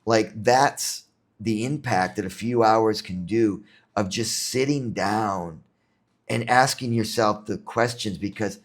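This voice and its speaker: A man's voice: lowish voice, slow. A man from New York, an entrepreneur talking as a podcast guest in an earnest, reflective way, often repeating words as he thinks. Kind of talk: casual interview talk.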